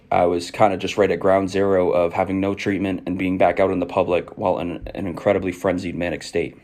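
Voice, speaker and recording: A man's voice: deep voice, darkish tone. A man in his twenties telling a personal story and reading aloud from old emails, explaining things in articulate, formal wording. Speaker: video creator recounting own past.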